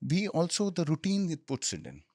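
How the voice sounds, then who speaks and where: A man in his forties from Jammu and Kashmir with an Indian accent and Hindi as his first language, telling his story conversationally as an interview guest, pausing mid-phrase to explain. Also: fairly high pitch, wildly swooping pitch, darkish tone, dry recording, studio quality. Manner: explanatory, pauses mid-phrase, often says "you know". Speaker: interview guest, military officer.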